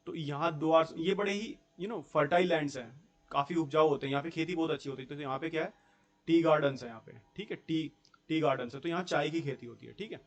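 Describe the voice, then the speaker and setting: A young man with a fairly high voice speaks fast as he teaches a school geography class. He explains things step by step in mixed Hindi and English terms, often checking in with "theek hai" and rhetorical questions.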